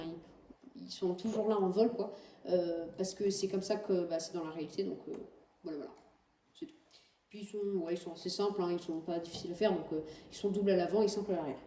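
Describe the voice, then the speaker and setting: Hesitant woman with a very dark voice. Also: mid-range voice, fairly even intonation, fast. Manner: hesitant, many fillers and self-corrections. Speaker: gaming channel host. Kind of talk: casual game commentary. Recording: roomy, distant mic, faint background noise.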